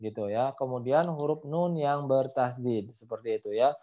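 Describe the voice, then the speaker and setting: A man teaching Quran recitation in an online class. He is patient, repeats his points, ends phrases with "ya" and models the sounds before slowly chanting the verses. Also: mid-range voice, highs cut off. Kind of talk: online tajwid lesson. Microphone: video call.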